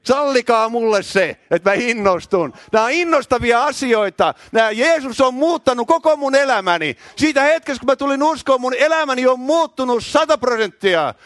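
A middle-aged man preaching a loud, excited charismatic sermon in a church, often shouting and repeating words when worked up. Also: extremely high pitch, few pauses, dry recording.

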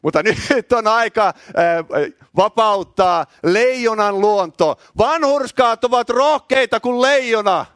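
A middle-aged man preaching a loud, excited charismatic sermon in a church, often shouting and repeating words when worked up. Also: sits high, few pauses, no echo, clean studio sound.

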